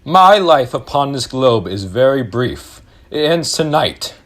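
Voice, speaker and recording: A young man playing a stern, ageing Christmas spirit in a school stage play, speaking in slow, solemn pronouncements. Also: mid-range voice, very animated. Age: teens. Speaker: stage actor.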